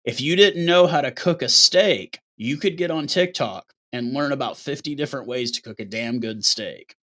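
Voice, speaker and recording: Male host, casual monologue, blunt and opinionated, middle pitch, bright edge. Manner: blunt, ranting, occasional swearing. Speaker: show host.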